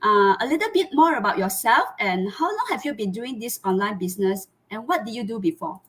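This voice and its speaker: A woman's voice: medium pitch, expressive, brisk, a bit bright, husky. A woman from Malaysia, hosting a live online interview over a video call in an earnest way, with many fillers and restarts. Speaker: host.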